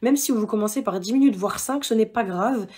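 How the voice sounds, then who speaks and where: A young woman talks to her viewers in a quick, chatty stream. Her voice is a little husky, and she keeps restarting sentences and filling gaps with hesitations. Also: fairly high pitch, darkish tone. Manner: chatty, many fillers and restarts, addresses viewers directly. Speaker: vlogger giving running advice. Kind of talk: casual talk to camera.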